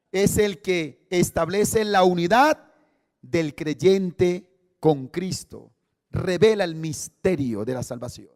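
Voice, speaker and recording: A man's voice: fairly high pitch, darkish tone. A man preaching a sermon as a pastor, emphatic and putting questions to his congregation. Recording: echoey church hall.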